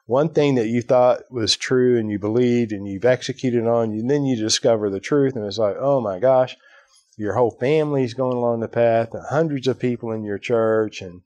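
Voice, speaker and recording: A man's voice: medium pitch, moderate pace, darkish tone, no room sound, dull audio. A man hosting a podcast, telling a story in casual conversation with lots of asides and "right?" tags. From Ireland. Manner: storytelling, acts out quoted voices, fillers like "right?". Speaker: podcast host.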